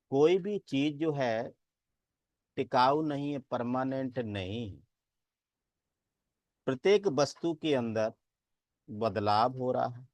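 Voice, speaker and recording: A man giving a Buddhist dharma talk, deliberate, chanting verses and asking rhetorical questions. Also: mid-range voice, dry recording. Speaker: Buddhist teacher.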